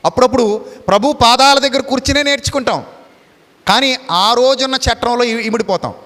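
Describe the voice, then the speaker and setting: A man preaching with emphatic, repeating phrases, his voice sitting notably high. The sound trails off in a long hall reverb. He mixes in English words as he preaches. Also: a little fast, a bit bright. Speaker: pastor. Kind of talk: Telugu sermon with Bible reading.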